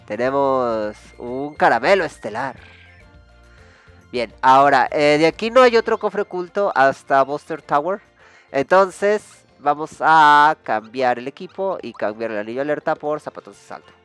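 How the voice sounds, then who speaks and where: A man's voice: a little high, a bit bright. A man with a Mexican Spanish accent giving casual gameplay commentary and musing aloud. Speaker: gaming YouTuber.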